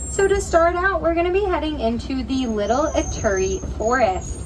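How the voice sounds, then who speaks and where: High female voice, American accent, safari tour commentary, rehearsed emphatic delivery, noisy truck recording. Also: moderate pace. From Pennsylvania, United States. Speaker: safari ride guide and driver. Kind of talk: spoken tour commentary to passengers. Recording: distant, noisy recording aboard a rumbling truck.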